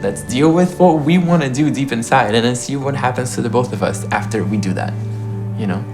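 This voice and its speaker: A Brazilian man in his twenties speaks briskly in a mid-range voice during a documentary interview. He's candid and chatty, laughing and using fillers, with a soft music score underneath.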